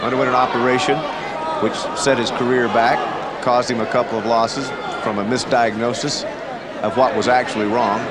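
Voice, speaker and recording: A man's voice: mid-range voice, flat delivery, moderate pace. A man giving live ringside boxing commentary, filling in background on the fighters. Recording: loud arena crowd, heavy background noise.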